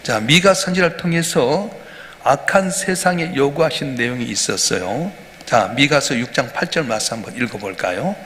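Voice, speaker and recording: A man's voice: mid-range voice, animated, normal speed, a bit bright. A male pastor gives an emphatic early-morning sermon, asking his congregation questions as he goes. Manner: emphatic preaching with rhetorical questions. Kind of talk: dawn prayer sermon. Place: church sanctuary. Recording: reverberant church hall, faint ambience.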